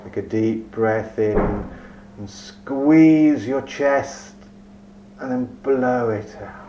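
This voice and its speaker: A man leading a guided meditation in a slow, soft, soothing voice with long pauses. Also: mid-range voice. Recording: dull lo-fi recording with faint hum.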